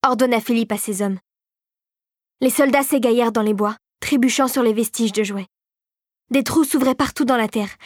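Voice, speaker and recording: A woman narrating a storybook in an expressive way, with a scripted read. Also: on the high side, no echo, clean studio sound.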